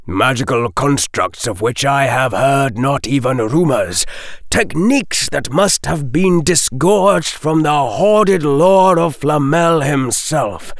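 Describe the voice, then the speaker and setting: Guy doing a snooty sarcastic professor for an audiobook, slow mocking drawl, pitch goes all over the place. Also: no room sound, clean studio sound. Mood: stern, disdainful. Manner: mocking, drawling, sharply emphatic. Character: sardonic, condescending male defense professor, theatrically articulate.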